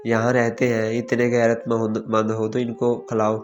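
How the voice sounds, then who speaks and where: A man's voice: mid-range voice, completely flat delivery, unhurried, lo-fi sound, close to an everyday voice. A man reading the taunting lines of a harsh sister-in-law in a spoken story. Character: harsh scolding sister-in-law, middle-aged woman.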